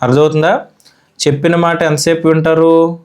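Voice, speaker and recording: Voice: mid-range voice, little pitch movement, normal speed, darkish tone. A Sunday school teacher from India giving a children's Bible lesson in a church classroom, asking the children questions and repeating their answers.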